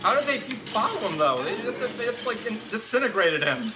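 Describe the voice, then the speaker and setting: A man's voice: high voice, very animated, fairly quick, reverberant. A man making sardonic quips in a casual group reaction chat. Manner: sardonic, quipping. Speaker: reaction commentator. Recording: loud show music behind.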